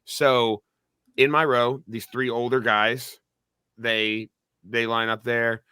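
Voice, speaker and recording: A young man from New Hampshire, a podcast co-host, telling a story in casual chat, animated and swearing. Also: mid-range voice, slow pace, clear, resonant tone, no echo, studio quality. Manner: animated, swearing, acts out quotes loudly.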